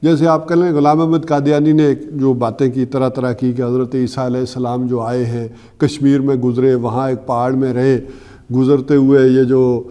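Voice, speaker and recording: Mellow-voiced man teaching scripture. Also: medium pitch, level tone, clear, resonant tone. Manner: explanatory, slows for Arabic verses, asks rhetorical questions. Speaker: Quran teacher. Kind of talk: Urdu religious lecture with Arabic recitation.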